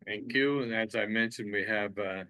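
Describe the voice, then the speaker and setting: American guy running a county meeting, lowish baritone, measured, pretty dry sound. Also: sharp tone, no echo. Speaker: county commissioner chairing meeting. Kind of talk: formal public meeting talk.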